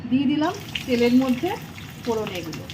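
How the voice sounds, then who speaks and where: A woman's voice: on the high side, very animated, fairly quick, heavy background noise. A woman from chatting casually in her home kitchen as she cooks for her vlog, stumbling now and then while she tries out a dialect. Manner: chatty, laughing at her own slips while trying a dialect. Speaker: cooking vlogger.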